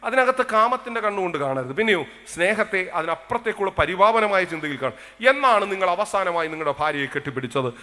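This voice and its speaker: A male pastor preaching a sermon to a congregation, with a Kerala Malayalam accent, swinging between loud exclamations and soft asides. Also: high voice, lively intonation, quick pace, few pauses. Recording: long hall reverb.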